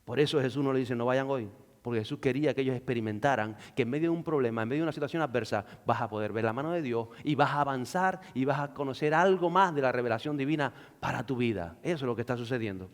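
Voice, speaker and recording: A man preaching a sermon who swings from loud shouts to hushed lows and acts out the voices of the figures he reads about. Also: quick pace, big-room sound. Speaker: pastor.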